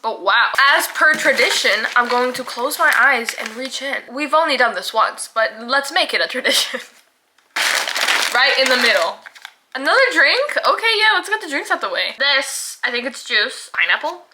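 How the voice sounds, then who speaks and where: A woman's voice: high-pitched, expressive, moderate pace, background noise. A young woman reviewing snacks in a casual vlog, chatty and laughing often, filling her talk with "like".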